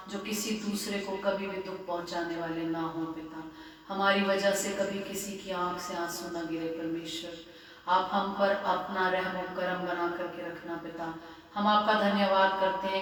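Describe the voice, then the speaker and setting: A woman worship leader in slow, fervent spoken prayer, her voice drenched in heavy cave-like echo. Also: medium pitch, fairly bright tone. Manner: slow fervent praying, repeats "Father, God" often. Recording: echoey hall from far off, faint music.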